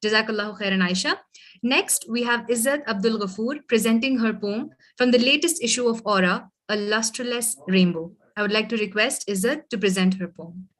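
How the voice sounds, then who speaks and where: Female event host, slightly high voice, polite and formal, introducing poets. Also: moderate pace. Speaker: host of an online poetry event.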